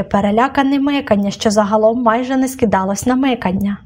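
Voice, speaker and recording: A woman reads a children's novel aloud in scripted audiobook narration. Her voice sits fairly high for a woman. She keeps a steady storytelling delivery. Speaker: audiobook reader.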